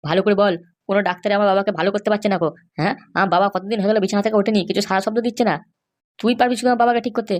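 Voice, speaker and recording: Brief: a woman playing an angry cartoon husband, rapid-fire threats, mid-pitched. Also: steady tone, lightly acted. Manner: angry, threatening, shouting insults. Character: hot-tempered threatening young husband, Kittu. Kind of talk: cartoon voice acting.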